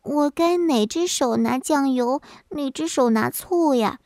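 Woman doing slow, dim little grandson, high and hesitant. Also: a little mellow, no room sound, studio quality. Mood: puzzled.

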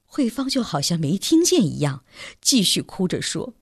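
A woman narrating a story aloud in an expressive, dramatic reading style. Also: mid-range voice, moderate pace, slightly rough, dry recording, clean studio sound.

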